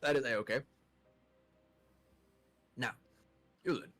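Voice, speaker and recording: A young man playing a tabletop game, questioning characters in a playful, drawn-out way. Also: mid-range voice, fairly bright tone, faint music behind. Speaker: player. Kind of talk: casual tabletop game play.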